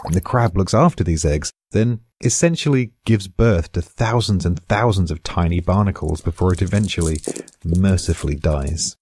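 A man's voice: low-pitched, moderate pace, a little mellow, breathy edge, no echo. A British man giving a scripted podcast explanation in a dry, darkly amused way.

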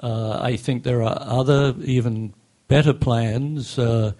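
A man's voice: mid-range voice, steady tone, warm tone. Older man giving technical public comment. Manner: measured, technical, many "uh" fillers. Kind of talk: public comment at a council meeting. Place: meeting room, indoors. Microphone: desk microphone on a stand.

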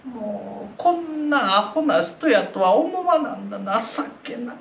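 A man voicing a sharp-tongued, exasperated Osaka wife who scolds and nags her husband, with an Osaka accent. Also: very high-pitched, animated, measured pace, vocal fry, a little hiss or hum, voice pushed up, heavily acted. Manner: scolding, nagging. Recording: roomy echoey room.

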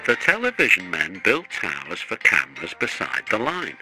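A man reading a children's railway storybook aloud in a measured, expressive way. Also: sits low, faint music behind, low-quality recording. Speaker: narrator. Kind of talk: storybook narration.

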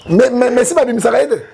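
A man from Congo with a Congolese French accent, giving animated political commentary full of rhetorical questions. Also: very high voice, gravelly, slightly rough. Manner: emphatic, rhetorical questions, frequent "hein?".

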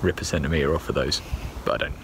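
A man's voice: extremely low pitch, fast talker, vocal fry, background noise. A young man in his twenties vlogging a garden building project, talking casually with a wry, self-deprecating manner while filming on a phone held at arm's length outdoors. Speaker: home brewing vlogger. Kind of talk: casual vlog narration. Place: outdoors in a back garden and inside a wooden cabin. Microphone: phone camera at arm's length.

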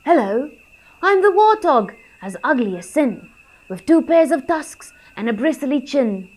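A woman's voice: high voice, very animated, measured pace, a little mellow, pitched above the performer's own voice. A woman voicing a dumpy, bristly warthog who brags about its warts and tusks. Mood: brash. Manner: bold, brash bragging.

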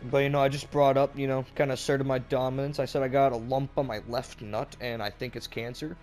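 A man's voice: medium pitch, flat delivery, brisk, few pauses, darkish tone, soft background music. A young man with a congested cold, chatting crudely and laughing often during casual gameplay commentary. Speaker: gamer and channel host.

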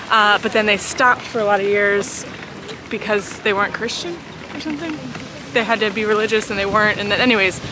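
An American travel vlogger with a fairly high-pitched voice chats her way through a casual narration, recapping facts with self-deprecating humor. She films outdoors in a city park and plaza, holding the camera at arm's length, with city noise in the background.

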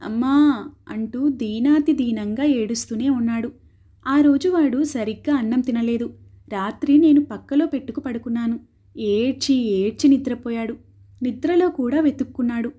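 Bright-voiced woman reading a story. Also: fairly high pitch. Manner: steady expressive reading, voicing the characters' dialogue softly.

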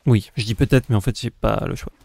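A man with an ordinary middle-pitched voice plays a card game while thinking aloud, counting his moves in a relaxed, casual tone. The recording is dry and close-miked. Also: quick pace, creaky, no echo. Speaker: co-host playing the game. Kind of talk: casual gameplay commentary.

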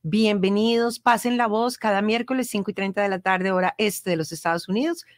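A woman's voice: mid-range voice, brisk, dry recording. A woman from Colombia hosting a radio interview show in a studio, speaking encouragingly and affirming her guest often. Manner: encouraging, affirming, many short acknowledgements. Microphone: studio mic.

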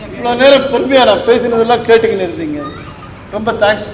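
An earnest, patient family friend. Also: male voice, extremely high pitch, quick pace. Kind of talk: 1970s Tamil stage play acting. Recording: echoey hall, faint noise, stage recording.

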